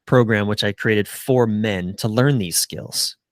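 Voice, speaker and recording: As a podcast guest in a conversational interview, a middle-aged relationship coach gives earnest, casual answers. His voice is fairly low and a little slow, with no echo.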